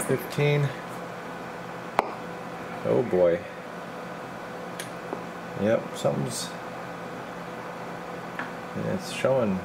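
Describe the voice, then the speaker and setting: With a creaky mid-range voice, a man repairing radios at an indoor electronics workbench casually thinks aloud through a hands-on demo in muttered, informal steps. The recording is very noisy.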